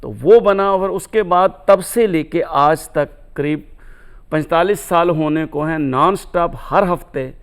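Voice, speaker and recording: A middle-aged man with a slightly high, smooth and resonant voice. He speaks as a cartoonist guest in a reflective interview. His phrasing is lofty and philosophical, and he drops in recited couplets. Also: measured pace.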